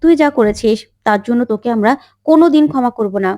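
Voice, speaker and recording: A woman's voice: on the high side, lively intonation, brisk, mellow, lightly acted. Woman voicing a furious middle-aged mother. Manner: harsh, furious. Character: angry middle-aged mother, rejecting her daughter.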